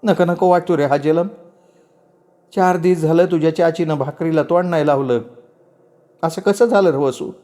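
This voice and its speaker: A man's voice: on the high side, normal speed, pauses often, dark tone, pitched above the performer's own voice, lightly acted. A man voicing a despairing young village woman. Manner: despairing, pleading.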